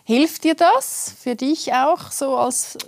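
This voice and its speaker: High-voiced woman, casual interviewer. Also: slow, dry recording. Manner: informal, occasionally switching into English to clarify.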